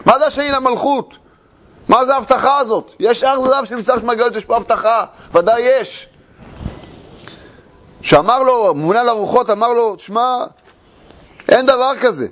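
A man with a high voice teaches as a Torah teacher, retelling a tale line by line. He talks in an animated way, asking rhetorical questions and repeating phrases for weight. His delivery has the steady build of an expository lecture. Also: pauses often.

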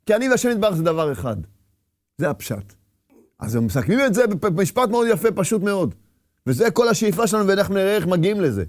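A man's voice: high-pitched, big pitch swings, dry recording. A man giving a Torah lecture with passion, firing rhetorical questions and acting out inner voices. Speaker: religious teacher.

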